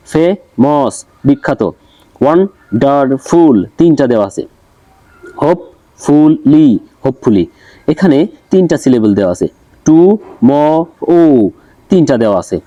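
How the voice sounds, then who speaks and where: A man with a Bengali accent teaching an English textbook lesson, reading English lines slowly and then explaining them. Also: mid-range voice, dark tone, no room sound.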